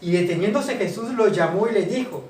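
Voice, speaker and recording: A man's voice: high-pitched, brisk, darkish tone. A man preaching a sermon, asking questions and answering them himself. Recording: roomy hall, voice from far off, faint ambience.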